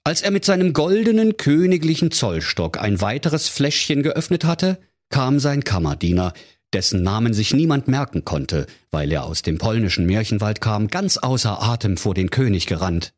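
A man's voice: on the low side, very animated, normal speed. A man narrating a humorous fairy tale for children in a playful, theatrical way. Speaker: storyteller.

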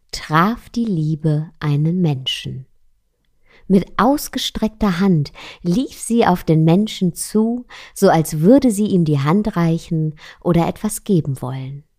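Low gravelly woman reading soft bedtime-style stories, slow and gentle, some whispering. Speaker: storyteller. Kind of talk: soft storybook narration.

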